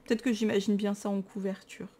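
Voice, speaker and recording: In a vlog, a tired woman with a French accent chats casually and enthusiastically while showing her books, poking fun at herself. Her mellow voice sits at medium pitch with little movement, and she talks a little fast.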